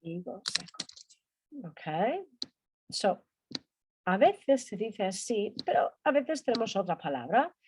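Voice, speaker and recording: A woman leading a language lesson, taking her time and letting her pitch rise and fall widely as she works through a vocabulary list. She says each word over and over as a drill before explaining it. Faint keyboard clicks sit in the background. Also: big pitch swings, noisy background. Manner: drills words by repeating them slowly, then explains. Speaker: English teacher. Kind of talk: online language class.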